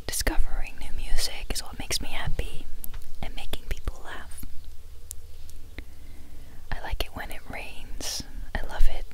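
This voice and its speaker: An ASMR host of unclear sex reading listener submissions in an unvoiced, breathy whisper, with a gentle, unhurried, soothing delivery. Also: rough recording.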